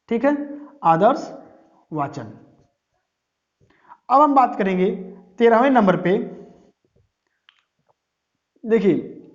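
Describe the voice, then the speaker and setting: Male teacher, lively pitch, asks and answers own questions, lecture style, dull lo-fi recording. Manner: says "thik hai" often. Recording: dull lo-fi sound.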